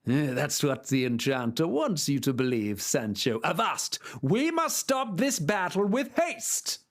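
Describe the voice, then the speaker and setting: A man's voice: fairly high pitch, sing-song, unhurried. A man voicing Don Quixote, a deluded, grandiose old knight, speaking in a formal, theatrical way. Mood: indignant. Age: older.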